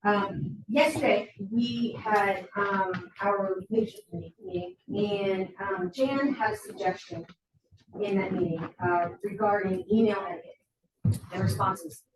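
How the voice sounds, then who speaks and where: A woman presenting a faculty training talk, lively and acting out what students say, recorded in a college meeting room. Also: medium pitch, unhurried, background noise. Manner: lively, acts out student quotes. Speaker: workshop presenter. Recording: roomy hall, far from mic.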